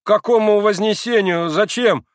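A man voicing an agitated, dim-witted young clerk who shouts and repeats himself in a storybook reading. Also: high-pitched, moderate pace, no echo, clean studio sound, voice pushed up, close to an everyday voice. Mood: agitated shouting. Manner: shouting, repetitive, flustered.

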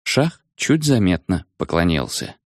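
A man's voice: low voice, a little slow, no echo, studio quality. A man narrating a novel as an audiobook, telling it expressively. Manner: expressive, animated storytelling.

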